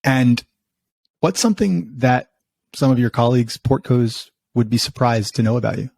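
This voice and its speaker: A man's voice: mid-range voice, animated, moderate pace, gravelly, darkish tone, no room sound. A man hosting a podcast interview, asking questions eagerly and often restarting his words. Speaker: podcast host. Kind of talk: conversational interview.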